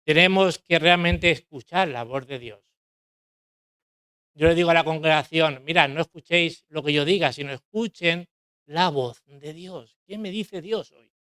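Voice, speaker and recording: A man's voice: fairly high pitch, measured pace, bright, forceful tone, clear, resonant tone, dry recording, studio quality. A middle-aged man preaching a sermon in a church, emphatic, repeating key phrases and asking rhetorical questions.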